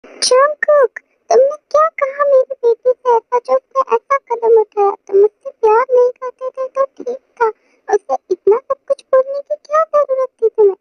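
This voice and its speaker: A woman's voice: extremely high pitch, normal speed, no room sound, dull audio, soft background music, pitched above the performer's own voice. A woman voicing a grieving middle-aged mother who angrily accuses and curses a young man. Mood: accusing. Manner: accusing, angry.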